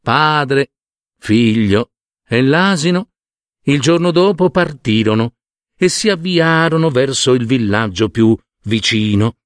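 Slow, expressive male storyteller. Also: medium pitch, no room sound, studio quality. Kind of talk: scripted fairy-tale narration.

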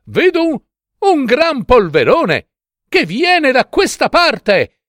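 A man voicing a loyal young sister, calling out in a high, sing-song voice. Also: wildly swooping pitch, slow pace, fairly bright tone, no echo, clean studio sound, full character voice.

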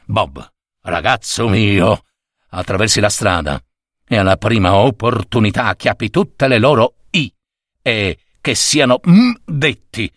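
A grumpy middle-aged print-shop boss, played by a male storyteller, growling his words low and short. He sounds weary and cross, in a dry, close storybook reading. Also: expressive, unhurried, fairly bright tone, no echo.

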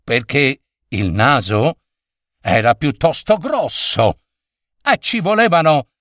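A man reading a children's story aloud, with expressive, animated storytelling. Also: medium pitch, slow pace, no echo, clean studio sound.

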